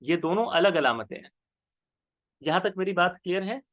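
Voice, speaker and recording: Lively high-voiced male grammar teacher. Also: normal speed, no echo. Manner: patient, explains step by step, repeats terms. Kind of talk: online grammar lesson.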